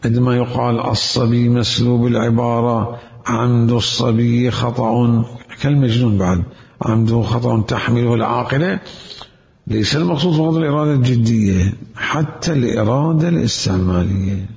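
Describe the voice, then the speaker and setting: A man's voice: mid-range voice, brisk, vocal fry, a little mellow. A man giving an Islamic jurisprudence lecture, asking rhetorical questions and repeating key words for emphasis. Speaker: seminary teacher. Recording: echoey hall, dull lo-fi sound.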